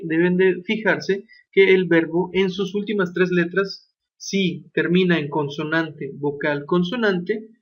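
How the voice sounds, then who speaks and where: A man explaining English grammar slowly and deliberately, asking his students questions as he goes. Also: high-pitched. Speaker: English teacher. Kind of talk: grammar lesson narration. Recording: dull lo-fi recording.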